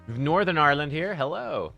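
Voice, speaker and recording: A man's voice: fairly high pitch, creaky, bright, forceful tone. A young man chatting loosely with his live-stream viewers as host, rambling, laughing often and greeting people in chat. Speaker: game streamer. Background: faint music.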